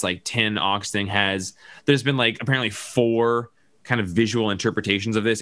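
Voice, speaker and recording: Bright-voiced man musing over comics. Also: lowish voice, dry recording. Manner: rambling, thinking aloud with many fillers. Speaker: podcast host. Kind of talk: casual comic book discussion.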